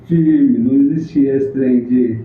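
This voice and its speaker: A man, recalling local history in a plainspoken, unhurried casual interview. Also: medium pitch, a little hiss or hum. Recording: echoey room on a tinny phone-like line.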